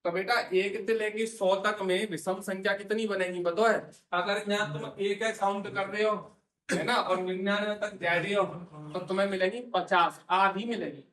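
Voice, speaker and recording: A man with a teaches maths in a classroom. He coaxes the students and quizzes them, then repeats their answers back. His high voice comes from a mic set well away from him, with a roomy echo. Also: steady tone, moderate pace, a bit bright. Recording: echoey room, voice from far off mic.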